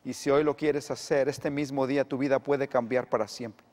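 A middle-aged male pastor, preaching emphatically and swinging between loud and hushed delivery. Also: medium pitch, fairly even intonation, moderate pace, long reverb tail. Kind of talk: sermon.

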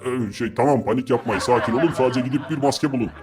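A man's voice: mid-range voice, lightly acted. Man playing a bossy submarine captain. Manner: hurried orders.

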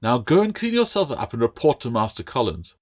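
A man's voice: medium pitch, huge pitch swings, a little fast, voice pushed up. A man reading an audiobook voices a harsh, strict middle-aged schoolmistress who snaps and scolds haughtily. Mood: smug.

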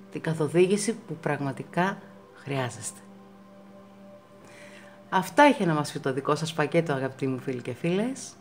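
A woman giving a pick-a-card tarot reading to her viewers, reassuring them and repeating words for emphasis, her pitch swinging up often. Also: darkish tone.

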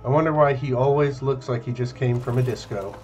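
A young man giving casual, wry, deadpan let's play commentary on a video game. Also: mid-range voice, brisk. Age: young adult. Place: small room indoors. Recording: band-limited, dull webcam-setup audio. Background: faint game music.

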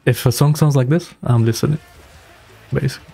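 A young adult man reacts live as a streamer, tossing out casual slang into a close broadcast mic on a boom arm. He's indoors in a small home room, with music from the video he's watching in the background. His mid-range voice is steady, fairly quick, creaky and mellow.

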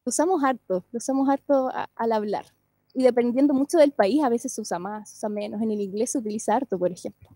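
A woman, a singing teacher and speech therapist, giving an online lecture in a clear, explanatory way and often checking that listeners follow. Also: on the high side, fast, mellow, no room sound, clean studio sound.

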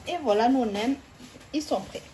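Talking straight to her viewers at a moderate pace, a home cooking host explains her recipe step by step in a voice on the high side. Her kitchen has a noisy background.

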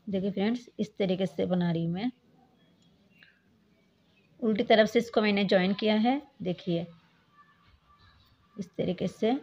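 A woman hosting a step-by-step knitting tutorial, calmly explaining each stitch and often addressing her viewers as friends. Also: mid-range voice, slightly rough, lo-fi sound. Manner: patient, repeats "look, friends" while demonstrating. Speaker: craft tutorial host.

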